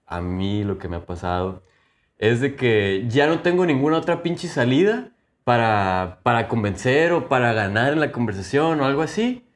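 Slangy young Mexican man, casual chat. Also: normal speed. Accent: Mexican Spanish. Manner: slangy, swearing, animated pitch swings.

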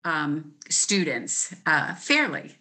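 A woman's voice: low voice, sing-song, very slow, bright, forceful tone. A woman who teaches gifted students, explaining her ideas step by step as a guest in a conversational interview.

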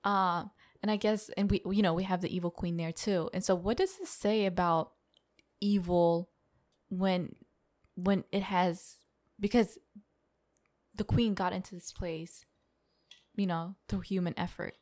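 A woman with a lowish voice that stays quite flat and even, speaking as a podcast co-host. She reflects aloud and builds her questions bit by bit. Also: measured pace. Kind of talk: casual book discussion.

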